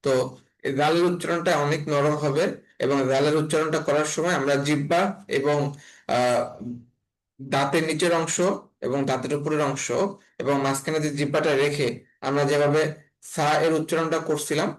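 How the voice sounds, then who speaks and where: Guy teaching pronunciation online, bangladeshi bengali accent, bit high-pitched, says every letter two or three times. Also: steady tone, low-quality recording. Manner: slow, repeats each sound several times with pauses. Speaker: Quran reading teacher.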